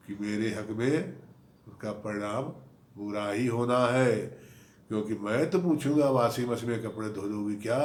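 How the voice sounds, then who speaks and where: A man's voice: fairly low pitch, darkish tone, reverberant. A man telling a comic tale of his own marriage in a mock-mournful, exasperated manner. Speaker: comic storyteller, channel host. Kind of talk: comic monologue told to camera.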